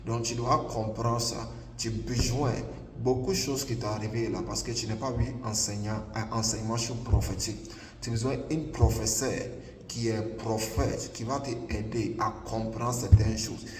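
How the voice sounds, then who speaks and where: Speaking in a steady, lowish voice at normal speed, a Ghanaian prophet, a first-language English speaker, preaches an emphatic online sermon, repeating himself and filling gaps with "là." It's recorded in an echoey hall on a distant mic, with faint ambience and slight background noise.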